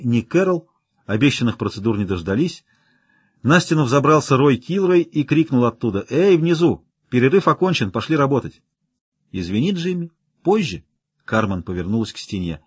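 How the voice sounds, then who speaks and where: A man reads a novel aloud with a slightly husky, breathy tone and a lively, swinging pitch. He voices each character's dialogue in turn, and the recording is close and dry with no room sound. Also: dry recording. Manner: lively reading, lifting his pitch for female characters' lines. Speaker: audiobook narrator. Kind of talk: scripted narration with character voices.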